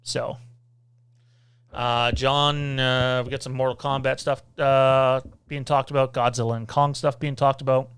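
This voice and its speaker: Speaking into a desk mic, a podcast host runs a loose, casual livestream Q&A, rambling, reading viewer comments aloud and filling pauses with "uh." His voice is smooth, clear, level and fairly bright at a middle pitch. The sound is close and dry, with no room and no echo.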